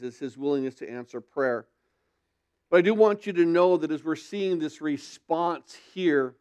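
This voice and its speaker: Male pastor, pulpit microphone, fairly high voice, smooth and resonant tone, rhetorical questions. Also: a little mellow. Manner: asks rhetorical questions, then answers them. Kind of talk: sermon teaching.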